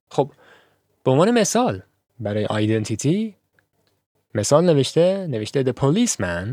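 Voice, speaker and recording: Lively man teaching vocabulary. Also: mid-range voice, no room sound, clean studio sound. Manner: spells words slowly and repeats them for learners; switches between Persian explanation and slow English reading. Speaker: English teacher. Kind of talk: textbook vocabulary lesson.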